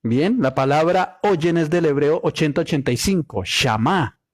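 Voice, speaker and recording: A man teaching a Bible study, slow and emphatic, listing word meanings one by one and answering his own questions. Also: fairly high pitch, animated, no room sound, clean studio sound. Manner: asks the listeners questions and answers them himself.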